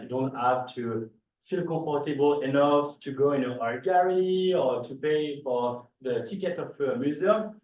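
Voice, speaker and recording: A man's voice: mid-range voice, a little mellow, highs cut off. A man with a strong French accent, an art gallery founder answering on a panel with many hesitant fillers. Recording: echoey room, distant mic, faint noise.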